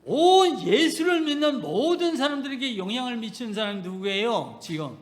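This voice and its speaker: A man preaching a Sunday sermon with a high-set voice for a man. He talks emphatically, pushing hard on key words, then dropping into quiet asides to the congregation. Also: sing-song, normal speed. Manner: emphatic, swings between loud rebukes and soft asides. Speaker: pastor.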